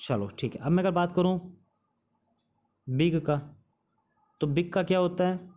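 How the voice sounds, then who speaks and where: A man's voice: high voice, measured pace, darkish tone, muffled recording. Man teaching English grammar in Hindi.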